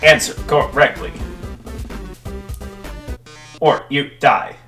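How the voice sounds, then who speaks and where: A man's voice: mid-range voice, slow pace, bright, forceful tone, faint music behind. A man voicing a flashy male robot quiz-show host in a put-on metallic robotic voice, reading game dialogue with showy announcer delivery.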